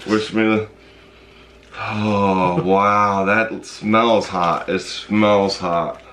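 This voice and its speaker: Slow-talking man on a food-challenge vlog. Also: lowish voice, fairly even intonation, fairly bright tone, a little hiss or hum. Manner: slow drawling reactions, exclaims and laughs. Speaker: co-host; father.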